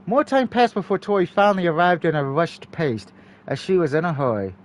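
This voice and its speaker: Male let's play narrator, high-pitched and lively, reading visual novel text with off-the-cuff comments. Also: fairly quick. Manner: acts out dialogue while reading. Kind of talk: reading a visual novel aloud with casual asides.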